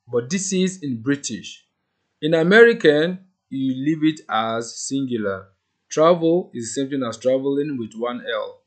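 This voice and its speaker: A man teaching an English grammar lesson, explaining the rules step by step and repeating the key points. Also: a little high.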